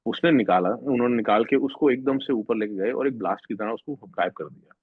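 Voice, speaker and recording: A man's voice: mid-range voice, brisk, husky, dry recording. A man earnestly telling a rambling personal story of a spiritual experience at a devotional gathering, often restarting his sentences. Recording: tinny phone-like sound, dry.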